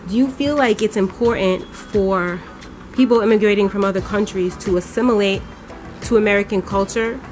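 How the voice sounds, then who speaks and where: A woman interviewing a guest, asking calm, brief questions and giving short acknowledgements. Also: mid-range voice, moderate pace. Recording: clear music behind.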